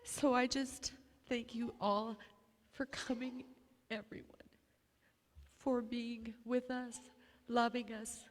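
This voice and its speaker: A middle-aged woman with an English accent gives an informal memorial tribute as a bereaved mother, haltingly and repeating her phrases. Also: on the high side, level tone. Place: large echoey room at a gathering. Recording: echoey hall with long reverb.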